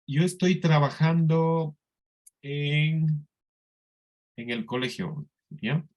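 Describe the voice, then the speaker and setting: A man teaching an English class in Spanish with a Colombian accent, explaining slowly and patiently and often checking that the students follow. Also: on the high side, lively intonation, dull audio. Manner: slow, patient explaining with frequent checks for understanding. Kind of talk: classroom lesson.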